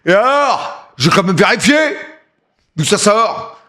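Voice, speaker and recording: Animated high-voiced male streamer. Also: slow. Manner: animated, joking, loud hype bursts. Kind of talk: casual live-stream chat.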